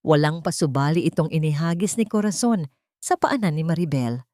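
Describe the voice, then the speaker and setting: A woman with a Filipino accent narrates a scripted dramatic audiobook story in a fairly low, darkish voice. The studio sound is clean, with no room sound.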